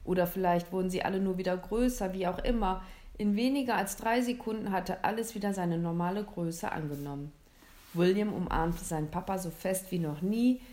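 A woman narrating a children's audiobook with lively, expressive storytelling. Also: on the low side, brisk.

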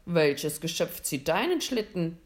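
A booming, jolly Santa Claus, huge and excitable, as a woman reads him aloud. He speaks loudly and theatrically in a storybook tale. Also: a little slow. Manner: loud, playful, theatrical.

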